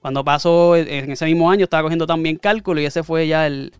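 A man's voice: fairly high pitch, fast talker, clear, resonant tone, no room sound. A man, a guest telling his story in a rambling, casual way and often correcting himself. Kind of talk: casual interview chat.

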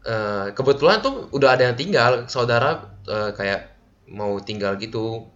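A man's voice: mid-range voice, animated, fairly bright tone. Young male co-host, casual storyteller, hesitant, muffled lo-fi sound. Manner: halting, full of fillers.

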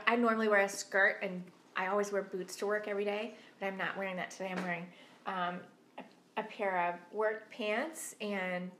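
A woman's voice: medium pitch, a bit bright, reverberant, slight background noise. A woman co-hosting a podcast, chatting casually over lunch with frequent restarts. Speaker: podcast co-host.

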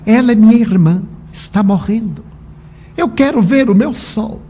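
A man's voice: sits high, normal speed, warm tone, long reverb tail, a little hiss or hum, voice pushed up, natural voice. A man voicing a stubborn five-year-old boy who pleads and insists through tears. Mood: insistent.

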